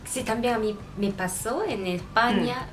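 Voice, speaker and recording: Slow-spoken woman interviewer. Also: on the high side, faint music behind. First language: Japanese. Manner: slow, tentative questions with brief backchannels. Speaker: interviewer, channel host. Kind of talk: casual interview.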